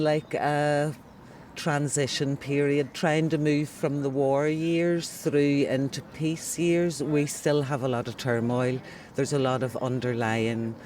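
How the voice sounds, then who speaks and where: A man's voice: mid-range voice, a little mellow. Northern Irish man in his sixties. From Northern Ireland. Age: 60s. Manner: earnest, addresses a child directly. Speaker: interviewee. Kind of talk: documentary interview. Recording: light background noise.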